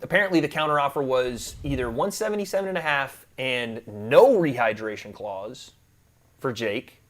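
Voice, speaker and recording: A man co-hosting a casual sports debate podcast, animated and joking as he trades banter with his partner. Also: mid-range voice. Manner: animated, joking, fast back-and-forth banter. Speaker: podcast co-host. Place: temporary room away from home.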